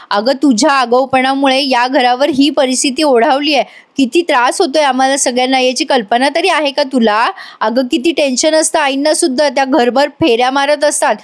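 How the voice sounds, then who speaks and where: A woman's voice: sits high, lightly acted. Woman reading stern young lawyer, reproachful, lecturing.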